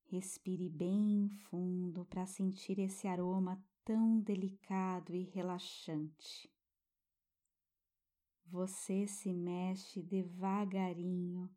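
A Brazilian woman gently narrating a guided sleep-story meditation for children, hushed and tender, as a soothing guide. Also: medium pitch. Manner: gentle, hushed, breathy pauses, tender diminutives.

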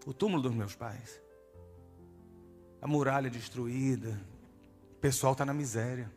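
A man's voice: mid-range voice, unhurried, a little mellow, natural voice. A preacher voicing an earnest pleading biblical man. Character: biblical man pleading before his king. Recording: hall reverb with music behind.

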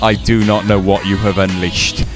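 A man's voice: fairly low pitch, little pitch movement, normal speed, over music. A man co-hosting a casual podcast chat, teasing and laughing often. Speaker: podcast co-host.

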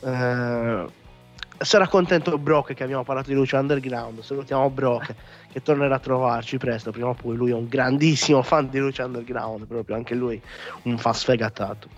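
A man hosting a casual talk show, ranting in an animated, exasperated way and swearing freely. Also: medium pitch, moderate pace. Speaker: podcast host. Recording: muffled lo-fi audio with music behind. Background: background music.

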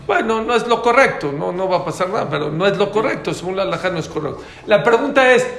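A man's voice: high voice, animated, quick pace, fairly bright tone. A man teaching a religious class. He is emphatic, repeats his key points and answers students' questions directly. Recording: roomy, faint background noise.

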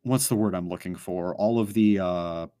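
A man's voice: deep voice, moderate pace, dark tone, no room sound, studio quality. A man narrating a tabletop game as game master, rambling with many fillers. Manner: rambling, full of "like" and "um".

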